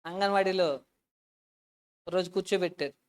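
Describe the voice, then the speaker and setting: In her sermon a woman draws on personal experiences, asking her listeners frequent questions and moving from soft to loud with earnest emotion. Her voice is lowish and smooth, with little pitch movement, at a moderate pace.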